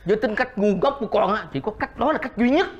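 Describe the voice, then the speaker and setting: A man's voice: quick pace, muffled recording. A middle-aged actor playing a blustering, scheming father-in-law in a sitcom. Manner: blustering, jumps up high when agitated. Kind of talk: sitcom acting.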